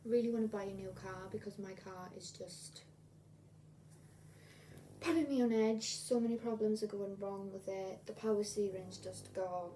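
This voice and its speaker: A woman's voice: mid-range voice, moderate pace, warm tone. A woman, chatting casually to camera in a rambling, repetitive way as a video blogger. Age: 20s. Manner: rambling, repeats herself. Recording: distant mic, clear room noise.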